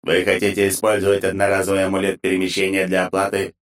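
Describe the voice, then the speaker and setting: A man's voice: low voice, completely flat delivery, fast, natural voice. A man voicing a metallic-sounding teleport stone machine as he reads an audiobook. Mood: formal. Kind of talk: audiobook narration.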